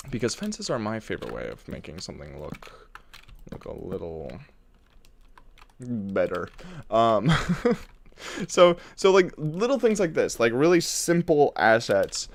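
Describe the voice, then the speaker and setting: With a lowish, creaky voice, this man chats casually on a live stream while building in a game. He's playful and rambling, chuckles frequently, and sounds congested from a runny nose.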